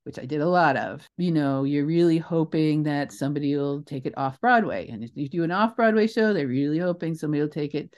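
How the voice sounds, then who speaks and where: This interview guest is a woman who writes and creates for the theatre, speaking reflectively, slipping into asides and correcting herself mid-thought. Her low, darkish voice moves fairly quickly with hardly any pauses.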